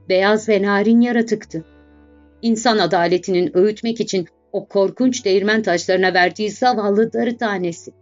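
Woman audiobook narrator, lowish voice, measured literary delivery, muffled recording with faint music. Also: a little mellow. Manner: slow, measured literary reading. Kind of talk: scripted narration of a classic novel.

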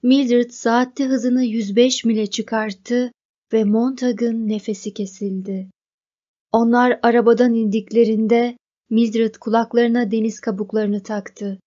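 A woman narrating a novel as an audiobook reader, in a measured, even reading. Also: fairly high pitch, lo-fi sound. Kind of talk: scripted narration.

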